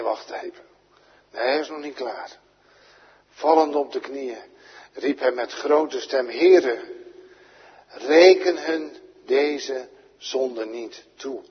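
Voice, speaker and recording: A man's voice: a little high, breathy edge. A Dutch-accented man preaching a sermon, earnest, his voice swelling when he quotes prayers. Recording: dull lo-fi recording in a reverberant church.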